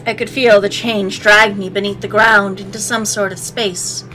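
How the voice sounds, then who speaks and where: A woman's voice: medium pitch, level tone, normal speed, sharp tone, low-quality recording. Playful woman narrating a game over music. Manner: playful, sassy asides. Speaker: let's play host. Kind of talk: reading game narration aloud with joking commentary. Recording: faint game music behind.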